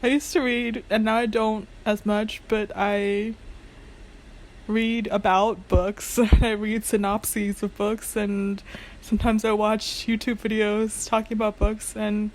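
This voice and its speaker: A young woman talks slowly in a casual vlog style, at a medium pitch. She wanders from thought to thought, hesitating often and padding her sentences with filler words. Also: flat delivery, a little mellow, low-quality recording. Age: young adult. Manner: hesitant, meandering, filler-heavy with frequent "like". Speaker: amateur video blogger. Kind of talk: casual rambling monologue to camera.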